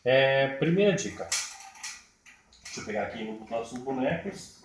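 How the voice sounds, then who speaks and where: A man's voice: medium pitch, animated, normal speed, a little hiss or hum. A man, teaching puppetry step by step and repeating his points. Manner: repetitive, explains step by step. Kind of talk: tutorial explanation. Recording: echoey room.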